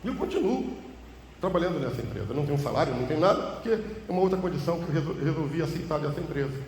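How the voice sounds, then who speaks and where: Preaching very fast in an echoey church hall with a faint hum, a pastor shares a personal testimony in an animated, slightly mellow voice. He is emphatic, swinging his pitch and volume widely for effect.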